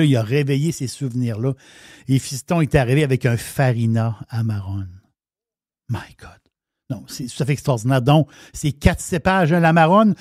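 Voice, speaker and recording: A man with a Québécois French accent and a mid-range, somewhat mellow voice hosts a wine segment on the radio as its wine columnist. He talks in an enthusiastic, meandering, casual way with many restarts, captured in studio quality without any room sound.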